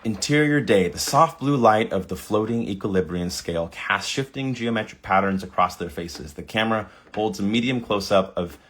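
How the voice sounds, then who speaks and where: Reading AI video prompts aloud, a man who makes videos offers casual screen-recording commentary, occasionally stumbling on words and reacting with delight. He speaks on the low side and fairly brightly, at a moderate pace with few pauses.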